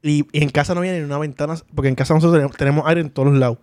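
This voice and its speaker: A man's voice: on the high side, steady tone, very fast, a little mellow, no echo, studio quality. A young man co-hosting a podcast, telling stories animatedly with laughs and sound effects. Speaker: podcast co-host. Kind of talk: casual storytelling chat.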